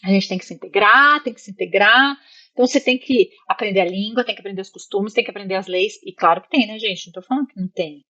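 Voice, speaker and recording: Through dull-sounding audio comes a fast-talking woman with a mid-range, pushed, bright voice. She's a Brazilian psychologist living in Italy, interviewed as a guest, musing casually, voicing imagined comments expressively, and checking that listeners understand.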